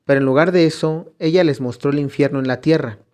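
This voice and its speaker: A man's voice: on the high side, quick pace, a little mellow. Man narrating a religious story.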